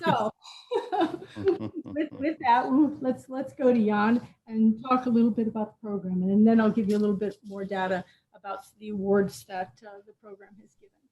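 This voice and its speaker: A woman's voice: fairly high pitch, fairly even intonation, normal speed. A woman hosting a scholarship presentation, talking to an audience with fillers and repeats. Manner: warm-up speaking with fillers and repeats. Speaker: scholarship program host. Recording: dull lo-fi sound with faint noise.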